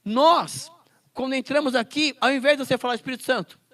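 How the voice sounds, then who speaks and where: A man's voice: extremely high pitch, a little fast, bright, forceful tone. A man teaching a Bible school lesson, quoting scripture and asking the class rhetorical questions. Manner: quotes scripture and acts out classroom scenes.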